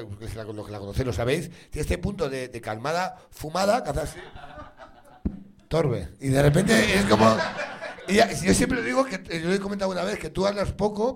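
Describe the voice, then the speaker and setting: A man hosting a live comedy game show, teasing his guests with rapid, rambling banter and laughing at his own jokes. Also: a little high, creaky. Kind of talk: joking live banter with the audience. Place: stage in front of a live audience. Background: audience laughing.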